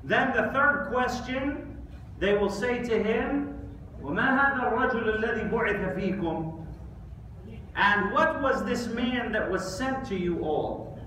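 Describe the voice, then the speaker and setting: A preacher in his thirties delivers an Islamic lecture in a very high, expressive, sharp-toned voice, emphatic and deliberate, posing rhetorical questions and pausing. His sermon includes quoted Arabic recitation inside a large mosque prayer hall. Captured from afar by a camera or phone, the hall sounds echoey with faint noise.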